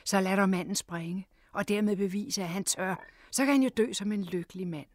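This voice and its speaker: A woman storyteller voicing a wry, proud male TV man, lively in places and hushed in others. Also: mid-range voice, no echo, clean studio sound, pitched above the performer's own voice, close to an everyday voice. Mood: scornful.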